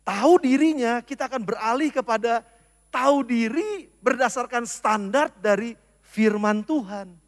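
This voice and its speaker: A man preaching a sermon as pastor, animated, moving from loud emphasis to soft asides. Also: very high voice, unhurried. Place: church. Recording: long church hall reverb.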